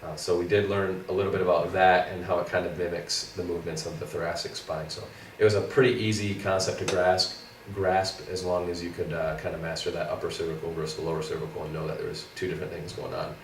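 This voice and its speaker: A man's voice: low voice, flat delivery, quick pace, few pauses. A young man in his twenties, nasal and congested from a cold with a scratchy throat, casually recapping his week of physical therapy school as co-host. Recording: roomy, far from the mic, faint noise.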